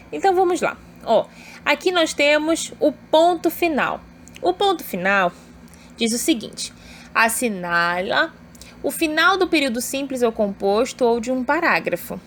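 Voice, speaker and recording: A woman's voice: sits high, slight background noise. A woman teaching an online grammar lesson, explaining step by step and often checking in with her students.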